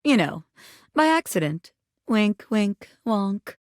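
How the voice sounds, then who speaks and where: Here a woman plays a boastful bobby pin who sees itself as a crime boss in a video game, speaking slowly yet very animatedly at a medium pitch. Her slangy swagger comes across as sly and persuasive, peppered with pet phrases, and the studio sound is clean and dry.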